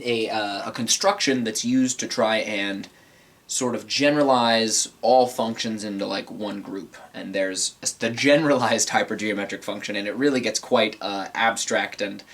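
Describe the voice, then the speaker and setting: A man's voice: on the low side, a bit bright, a little hiss or hum. A man in his twenties teaching a casual on-camera math lesson, thinking aloud with many fillers and self-corrections. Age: 20s. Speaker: math channel host. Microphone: camera mic, on camera at a board.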